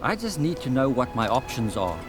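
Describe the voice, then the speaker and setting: Male documentary narrator, mid-pitched, measured scripted read over loud background music. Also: big pitch swings. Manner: measured, reflective first-person narration.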